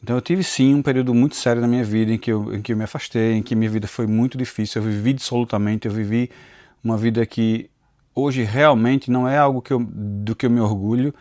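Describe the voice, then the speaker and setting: Recorded on a phone camera, this man from Northeast Brazil is a channel host and Bible teacher delivering a confessional, earnest devotional talk. His accent mixes Recife with inland Pernambuco, and his medium-pitched voice has a darkish tone. The audio is dry and clean, like a studio.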